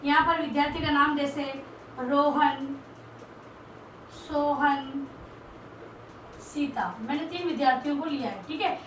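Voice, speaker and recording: High-voiced woman teaching in an echoey room. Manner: slow and deliberate, repeats key terms while writing on a board. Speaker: teacher trainee. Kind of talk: classroom lecture. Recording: echoey room, far from the mic, faint hiss.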